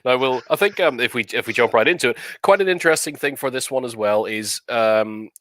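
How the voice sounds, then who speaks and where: Speaking a little fast at medium pitch, a middle-aged man with a cold hosts a live stream. The recording is dry, and his casual, laid-back chat is thick with fillers.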